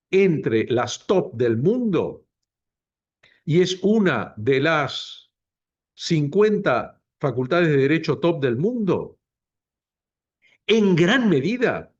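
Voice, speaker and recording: A man's voice: a little high, highs cut off. A man directing a doctoral program, giving an emphatic introductory speech at a book presentation in a university room and repeating key phrases for weight. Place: university lecture room, also streamed to video call.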